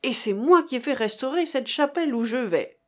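A woman reading the part of a gruff old male lieutenant, a sailor and soldier who swears and blusters with soldierly bravado. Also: sits high, lively intonation, brisk, pitched above the performer's own voice. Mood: grumbling.

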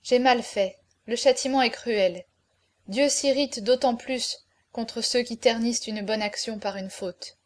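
A woman voicing a noble condemned male hero, speaking in solemn, measured farewell speeches in an audiobook. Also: on the high side, natural voice. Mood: remorseful. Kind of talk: audiobook character reading.

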